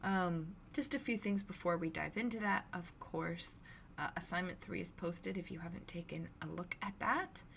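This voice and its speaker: Hoarse, gravelly-voiced woman lecturer. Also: on the low side, normal speed, slight background noise. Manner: relaxed, conversational explaining. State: scratchy, hoarse voice. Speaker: university instructor. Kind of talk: recorded lecture.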